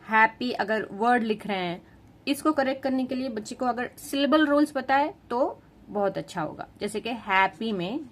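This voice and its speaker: A woman explains spelling errors to parents in a calm, unhurried teaching voice. She mixes Hindi and English and lays out each point patiently. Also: mid-range voice.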